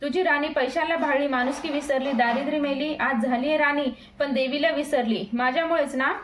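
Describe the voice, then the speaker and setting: A woman voicing a poor old woman who is a goddess in disguise, talking slowly and shakily, in an echoey room. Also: high voice, fairly bright tone. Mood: indignant.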